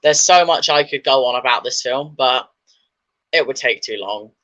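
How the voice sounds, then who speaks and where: A man's voice: medium pitch, normal speed, fairly bright tone, dull audio. A man chatting casually about his opinions, rambling and enthusiastic, with many fillers and restarts. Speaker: video host.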